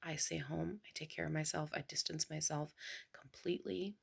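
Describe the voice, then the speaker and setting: A young woman talking quietly to her viewers at home in the early morning, half whispering and rambling with many fillers. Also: deep voice, steady tone, moderate pace, creaky, breathy edge. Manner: hushed, half whispering so as not to wake someone. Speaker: vlogger. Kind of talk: casual hushed chat to camera.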